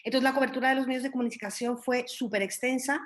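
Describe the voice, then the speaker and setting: A woman's voice: high voice, fairly even intonation, fast talker. A woman in her forties, a panelist on a live stream, recalling past events with hesitant restarts. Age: 40s.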